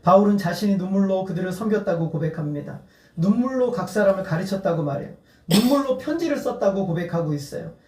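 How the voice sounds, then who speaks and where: A man's voice: high voice, animated, fast talker, a little mellow. A male pastor preaching a sermon, earnest and building to emphatic appeals, breaking into laughter. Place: church sanctuary. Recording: echoey church hall, mic at a distance.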